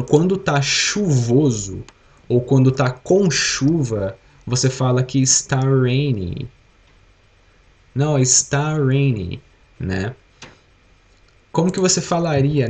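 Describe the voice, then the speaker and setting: A man's voice: medium pitch, darkish tone. Brazilian man teaching English vocabulary. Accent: Brazilian Portuguese. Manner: explains patiently, drills words and asks the class to repeat. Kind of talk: live-streamed English lesson.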